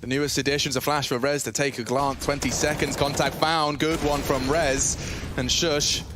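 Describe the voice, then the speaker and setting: A man's voice: mid-range voice, little pitch movement, moderate pace, noisy background. A man giving live esports commentary as a play-by-play caster, in clipped running phrases.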